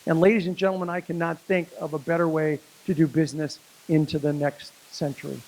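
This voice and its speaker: A man giving a motivational speech and telling a story to a business audience, slowing down for emphasis. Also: a little high, flat delivery, darkish tone, rough recording. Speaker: speaker at a business networking event. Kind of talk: motivational speech with a told joke.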